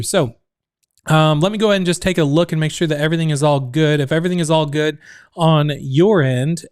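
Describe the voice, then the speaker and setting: A man in his thirties, a community founder, hosts a casual livestream from his home office, chatting with lots of fillers and reading out chat comments. His voice is on the high side and clean, but strained as if close to giving out. The studio-quality audio has no echo.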